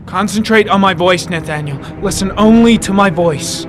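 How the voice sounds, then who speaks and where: A man playing a calm FBI agent. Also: high-pitched, moderate pace, soft background music, natural voice. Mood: soothing. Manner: calm, reassuring questioning. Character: calm, measured male federal agent.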